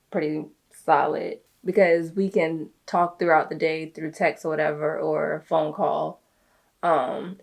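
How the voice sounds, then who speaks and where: A woman with a low voice chats casually as a guest beside her husband. She speaks hesitantly, often pausing on "um" before she gets going. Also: gravelly, darkish tone. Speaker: guest, host's wife. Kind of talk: casual chat.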